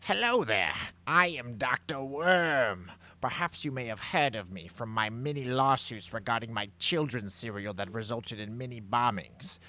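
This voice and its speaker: A man voicing a pompous, scheming skeleton brawler in a comedic game roleplay, with drawn-out villainous delivery. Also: mid-range voice, animated, natural voice. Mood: grandiose. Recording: noisy mic with hum.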